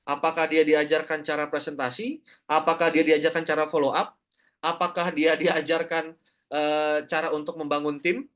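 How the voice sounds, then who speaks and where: A man giving a motivational network marketing talk, speaking straight to his listeners and acting out the voices of people he quotes. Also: on the high side. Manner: animated, acts out quoted voices, addresses listeners directly.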